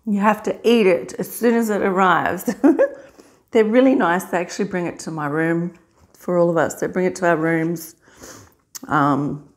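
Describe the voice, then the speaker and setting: A middle-aged woman in a casual mukbang vlog, chewing while talking in a halting, unhurried way with pauses to eat. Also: on the low side, steady tone. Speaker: vlogger. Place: small indoor hospital room.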